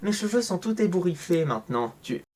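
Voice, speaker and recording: A man's voice: high-pitched, fairly quick, very noisy. A man playing a visual novel, reading its lines aloud and breaking off into sarcastic commentary. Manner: sarcastic, jumps between flat reading and loud outbursts. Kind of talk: casual let's-play commentary and reading. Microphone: home microphone.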